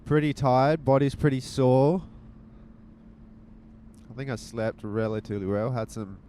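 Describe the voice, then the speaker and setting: A man's voice: medium pitch, fairly even intonation, measured pace, warm tone, a little hiss or hum. A man hosting his own podcast, chatting casually and teasing in a mock-stern way from inside his car. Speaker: podcast host. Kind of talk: casual rambling monologue while driving. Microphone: handheld mic with headphones.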